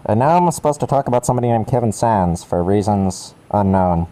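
A man's voice: lowish voice, animated, brisk, dark tone, lightly acted, rough recording. A man voicing a laid-back airline pilot making cabin announcements in a drawling, offhand tone.

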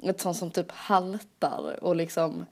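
A woman's voice: fairly low pitch, steady tone. Chatty young woman telling a story. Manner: chatty storyteller, lots of filler words. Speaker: podcast co-host. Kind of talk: casual podcast chat.

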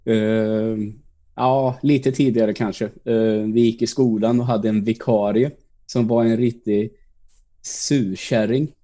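A man's voice: medium pitch, steady tone, dark tone. A man co-hosting a podcast, telling a school story with many hesitations. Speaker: podcast co-host. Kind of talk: casual storytelling.

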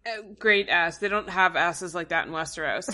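A woman chatting casually as a podcast co-host, sarcastic and heated, acting out quoted lines in quick asides. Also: on the low side, bright, forceful tone. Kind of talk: casual chat.

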